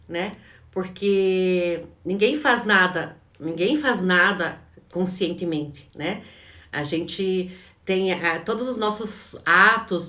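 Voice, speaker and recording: A woman's voice: medium pitch, fairly bright tone. Brazilian woman teaching in a roomy, distant recording. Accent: Brazilian Portuguese. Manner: conversational, tags nearly every phrase with a questioning "né?"; frequent restarts and repeated words. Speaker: behavioral coach. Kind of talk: live online class, answering chat.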